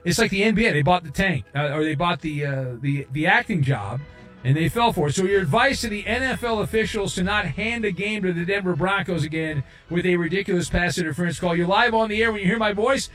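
Smooth, breezy sports radio host man. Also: high voice, fast, a bit bright, soft background music. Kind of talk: live call-in sports radio hosting.

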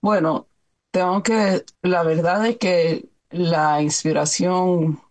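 A woman's voice: on the low side, steady tone, slow pace, darkish tone. A woman from New York, a children's book author, talking in a radio interview and stopping now and then to search for words.

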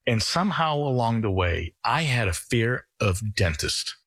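Husky-voiced man pitching retirement plans. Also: sing-song, unhurried, a bit bright, no echo. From Netherlands. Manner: earnest, folksy sales pitch. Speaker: financial advisor. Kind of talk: radio show talk.

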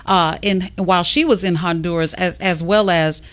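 A woman co-hosting an interview, asking questions haltingly, with many fillers. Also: fairly low pitch, steady tone. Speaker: co-host.

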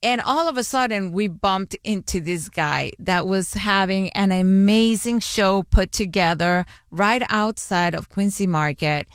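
A woman's voice: mid-range voice, a little slow, hardly any pauses, no echo, studio quality. Chatty woman radio host from Mexico City. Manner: chatty, with fillers. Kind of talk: casual radio interview.

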